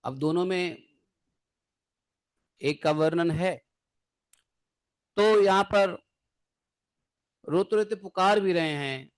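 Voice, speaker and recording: A man's voice: sits high, slow, pauses often. A man giving a devotional scripture lecture in a conversational way, asking his class rhetorical questions and adding playful asides.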